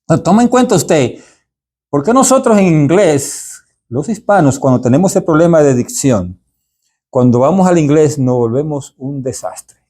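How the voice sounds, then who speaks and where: A man's voice: expressive, moderate pace, warm tone. A middle-aged man with a Caribbean Spanish accent, teaching a workshop for church readers in a chatty way, often asking the group if they agree. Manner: chatty, asks the audience "¿de acuerdo?"; acts out examples with sudden pitch jumps. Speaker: deacon teaching a workshop for lectors. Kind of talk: informal teaching talk.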